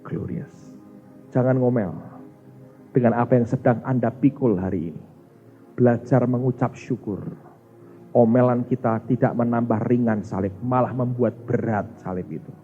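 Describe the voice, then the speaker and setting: A man, a pastor preaching a sermon, speaking directly to his congregation in an animated way. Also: medium pitch, moderate pace. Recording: muffled recording with faint music.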